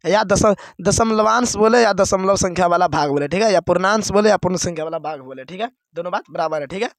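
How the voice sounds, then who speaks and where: A male math teacher giving a classroom lesson, explaining each step slowly and checking in with the listener again and again. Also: sits high, no room sound, clean studio sound. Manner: explains step by step, repeats "dekhiye" and "theek hai".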